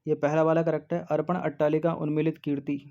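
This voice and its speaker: A male tutor walks through a test paper methodically, reading each option aloud and ruling it out. His voice is mellow and fairly high, but his delivery stays level and flat. The recording sounds dull and lo-fi. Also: fast talker. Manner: methodical, reads options aloud and eliminates them one by one. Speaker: exam-prep teacher. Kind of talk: explaining a Hindi test paper.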